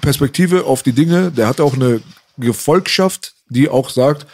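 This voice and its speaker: A man hosting a podcast chat, calm and explaining his point. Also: medium pitch, unhurried.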